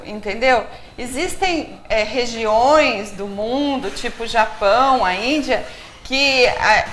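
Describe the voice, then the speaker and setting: Brief: high-pitched woman, language consultant type, demonstrating pronunciations on a live TV set with room echo. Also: a bit bright, a little hiss or hum. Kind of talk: TV studio interview. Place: TV studio.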